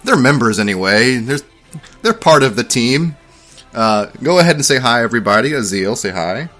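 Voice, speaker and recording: A man hosting a casual podcast, chatty and quick to laugh at himself. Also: medium pitch, big pitch swings, sharp tone, soft background music. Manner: chatty, laughing, self-deprecating. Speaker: podcast host.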